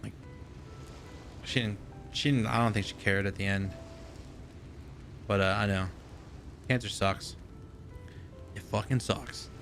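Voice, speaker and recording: A man in his thirties talks casually over a live game stream in a slightly low voice. He rambles and jokes freely, with some swearing, and soft music plays underneath. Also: steady tone, measured pace, gravelly, long pauses. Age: 30s. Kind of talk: casual live gameplay chat.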